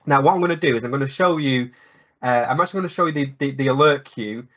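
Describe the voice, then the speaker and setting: A croaky-voiced man presenting a live technical webinar, explaining at length with many fillers and restarts. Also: mid-range voice, fast talker, fairly bright tone. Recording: dull lo-fi webinar audio.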